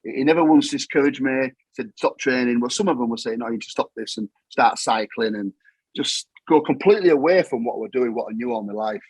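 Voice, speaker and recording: A man's voice: mid-range voice, a little fast, a little mellow, breathy edge, no room sound, low-quality recording. A middle-aged man with a Yorkshire accent, telling his story in plain-spoken, matter-of-fact talk that often repeats itself. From England. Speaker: guest. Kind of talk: casual storytelling.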